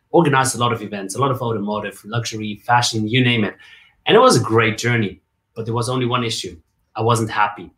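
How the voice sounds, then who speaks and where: Lively German-raised man telling his story. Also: mid-range voice. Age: 40s. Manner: lively storyteller, jokes and rhetorical asides. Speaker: guest, communication coach and MC. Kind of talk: casual interview on a video call.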